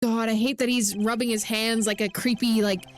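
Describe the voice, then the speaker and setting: A woman's voice: a little high, level tone, moderate pace. A woman giving casual, joking commentary as she plays a video game. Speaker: game streamer.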